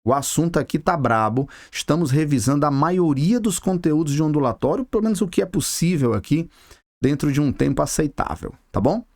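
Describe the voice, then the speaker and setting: A Brazilian-accented man teaches a physics review lesson at a board. His voice sits fairly high and the sound is dry and close. He keeps it chatty, tossing casual slang straight at the viewer. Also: animated, brisk, a little mellow, dry recording. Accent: Brazilian Portuguese. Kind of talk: video lesson. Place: classroom with a board.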